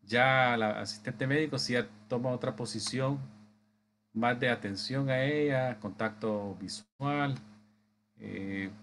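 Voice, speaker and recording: A man lecturing medical assistants from slides, speaking haltingly with many restarts and frequent tag questions. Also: medium pitch, fairly bright tone, slight background noise. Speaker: instructor.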